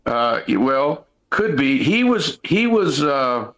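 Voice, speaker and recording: A man's voice: medium pitch, sing-song, slow pace, a bit bright, low-quality recording. A middle-aged man, a former coach co-hosting a casual sports talk show, telling rambling stories full of restarts. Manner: rambling, storytelling, frequent restarts and "listen".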